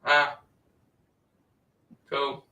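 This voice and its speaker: Guy hosting a wrestling chat, slow and bright, echoey room, mic a bit far off. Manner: chatty, laughs often, relaxed. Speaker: podcast host. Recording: roomy echo, distant mic.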